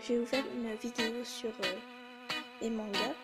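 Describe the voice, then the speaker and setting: A teenage girl with a hoarse voice, chatting casually and rambling with many fillers as she shows her collection. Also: fairly high pitch, fairly even intonation, normal speed. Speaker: vlogger. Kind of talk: casual chat. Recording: loud background music.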